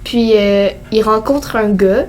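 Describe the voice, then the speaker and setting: A teenage girl with a Québécois French accent co-hosts a casual podcast chat, her mid-range voice darkish in tone. She speaks slowly and rambles, leaning heavily on fillers like "genre" and "euh."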